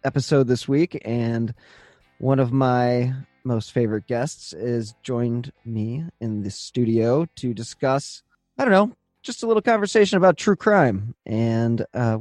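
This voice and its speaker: A man's voice: medium pitch, a little mellow, no room sound. Man hosting a podcast, close dry sound. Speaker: true crime podcast host. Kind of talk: podcast introduction and casual chat. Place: studio.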